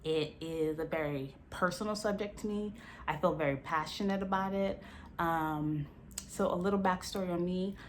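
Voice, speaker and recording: A woman's voice: on the low side, moderate pace, a little hiss or hum. A woman in her early forties talking candidly and casually to camera as a vlogger, her speech slightly slurred by the retainers she is wearing. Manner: candid, conversational. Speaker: YouTube lifestyle vlogger. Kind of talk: casual personal talk to camera.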